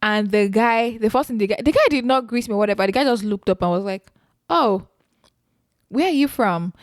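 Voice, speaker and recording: A woman's voice: mid-range voice, fast talker, dry recording. Nigerian woman on a dry close mic. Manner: expressive, mimics other people's lines. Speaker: podcast co-host. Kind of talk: casual chat.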